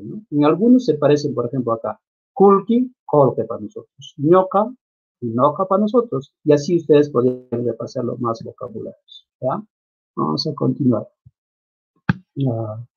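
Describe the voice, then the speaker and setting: A man's voice: mid-range voice, mellow, slightly rough. A man giving a virtual conference lecture, explaining examples step by step and ending points with a questioning tag. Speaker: lecturer on the Quechua language. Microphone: video call. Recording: dull lo-fi video call audio.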